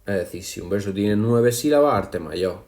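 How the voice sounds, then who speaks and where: A man teaching a language lesson in a patient, explanatory way, counting syllables aloud slowly and speaking to his students directly. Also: lowish voice, lively intonation, a little mellow. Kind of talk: classroom explanation over slides.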